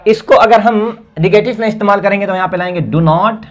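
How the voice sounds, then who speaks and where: In this spoken lesson, a man from India explains English grammar with a voice that sits high. He works slowly through example sentences, translating them one by one, and ends by encouraging his listeners.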